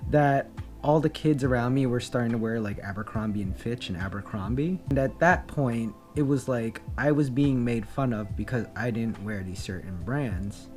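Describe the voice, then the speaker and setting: A man's voice: medium pitch, darkish tone. Young man, personal vlog storytelling, reflective, light music bed behind. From Philippines. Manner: candid, reflective, many fillers and restarts. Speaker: vlogger.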